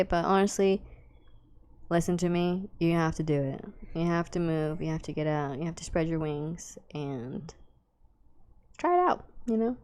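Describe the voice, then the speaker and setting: A woman's voice: fairly low pitch, darkish tone, clear, resonant tone. A young woman co-hosting a podcast, chatting casually and laughing often as she tells an emotional story. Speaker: podcast co-host. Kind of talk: casual chat.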